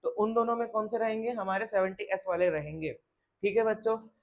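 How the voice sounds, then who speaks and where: High-voiced male biology teacher. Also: steady tone, a little fast, dull audio. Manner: explains step by step, asks and answers questions aloud, frequent "theek hai". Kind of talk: classroom lecture.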